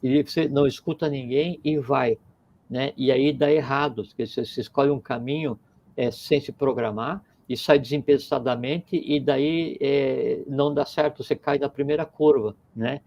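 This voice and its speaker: A man's voice: mid-range voice, fairly even intonation, normal speed, a little mellow. A man talking reflectively in a conversation, circling his points with repeated phrases and little parables. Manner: digressive, repeats phrases, tells parables with acted quotes.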